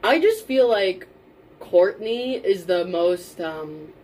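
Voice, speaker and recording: A woman's voice: fairly low pitch, takes it slowly, low-quality recording. Young woman chatting casually over background noise. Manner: informal, emphatic repetition, mild swearing. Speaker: podcast co-host. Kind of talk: casual chat. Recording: steady background noise and room ambience.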